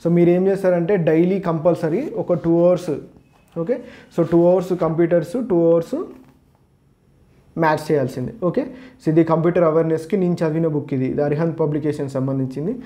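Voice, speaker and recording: A man's voice: a little high, steady tone, fast, mellow. A man with a Telangana Telugu accent, teaching exam preparation informally, mixing Telugu with English words and linking points with "okay, so". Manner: explanatory, repeats "okay, so" as a linking phrase. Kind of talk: informal exam syllabus walkthrough.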